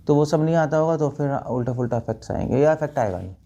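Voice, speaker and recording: A man's voice: on the high side, lively intonation, fast, mellow, muffled recording, slight background noise. A man, a monk giving a spiritual talk, questioning his listeners and demonstrating chants. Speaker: monk teacher.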